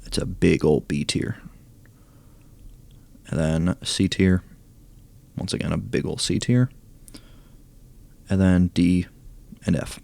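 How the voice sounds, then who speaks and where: A young man commenting casually on a baseball video game, reading stats aloud and thinking out loud, hoarse as he loses his voice. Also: low voice, slow, long pauses. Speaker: gaming YouTuber ranking cards.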